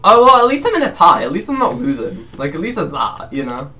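A man's voice: a little high, very animated, quick pace, sharp tone. A man hosting a casual horror-game session with friends, yelping nervously and laughing as he plays. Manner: jumpy, frightened yelps and nervous laughter. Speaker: channel host. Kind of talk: casual let's-play banter with friends. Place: indoors, with friends in one room.

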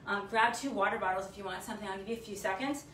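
A woman's voice: mid-range voice, rapid-fire, fairly bright tone. A woman working as an aerobics instructor, counting reps in rhythm and cueing moves with short, encouraging commands. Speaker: fitness instructor leading a workout. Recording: roomy, distant mic with faint noise.

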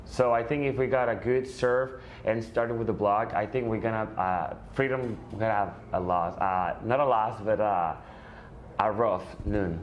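Halting low-voiced man at a press conference. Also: lo-fi sound, a little hiss or hum. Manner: halting, many fillers, searching for words. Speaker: volleyball player. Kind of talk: post-game press conference answers.

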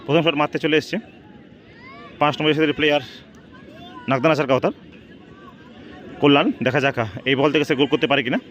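A man's voice: a little high, steady tone, fairly quick, pauses often, a bit bright, lo-fi sound. A man gives live football shootout commentary, repeating stock phrases and dropping in English words. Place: outdoors at a local football ground. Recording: outdoor ground with crowd noise. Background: crowd and outdoor noise.

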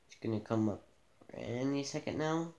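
A man giving a casual gameplay tutorial, relaxed and thinking aloud as he plays in a dim room, filmed by a camera pointed at the TV. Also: medium pitch, moderate pace, reverberant, slight background noise. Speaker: gaming channel host.

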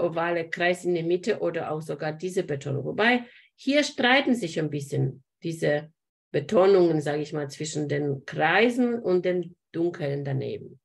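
A woman hosting a live online art lesson, explaining picture composition while pointing things out to her viewers. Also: fairly low pitch. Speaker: art teacher hosting a webinar.

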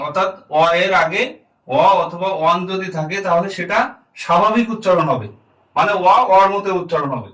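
A man's voice: fairly high pitch, fairly bright tone, echoey room, recorded from a distance, low-quality recording. A man teaching a lesson, explaining rules one by one and repeating key words, often asking a question and answering it himself.

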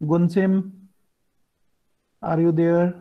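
A middle-aged finance teacher with a North Indian accent, whose native language is Hindi, lectures an online class mixing two languages, explaining and checking in with students. His fairly high voice has a level tone and drawn-out words, captured by a computer mic on a video call with dull, lo-fi audio.

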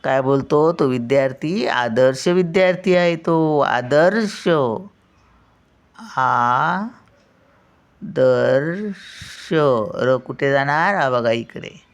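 A woman's voice: very deep voice, expressive, unhurried, few pauses, smooth. An older woman giving a spelling lesson to children, patiently sounding words out syllable by syllable. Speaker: teacher.

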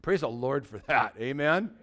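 A male pastor preaching a sermon with passion, rising to loud exhortation and dropping to hushed, tender lines. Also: medium pitch, expressive, moderate pace.

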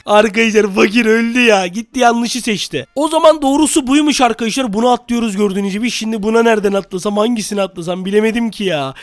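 A man hosting a Minecraft gameplay video, excitedly talking to viewers and trash-talking his rival. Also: high-pitched, quick pace, hardly any pauses, dry recording, clean studio sound. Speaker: gaming channel host.

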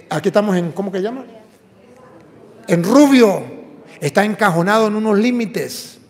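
High-voiced priest preaching in a reverberant church. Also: male voice. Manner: didactic, emphatic, rhetorical questions. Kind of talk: preaching and apologetics dialogue.

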